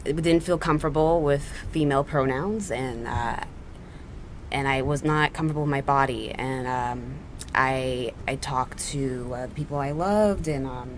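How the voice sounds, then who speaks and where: A teenage young man with a boyish, cracking voice, talking candidly and haltingly about himself as a talk show guest. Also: medium pitch, a little hiss or hum. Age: teens. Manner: halting, informal, self-deprecating.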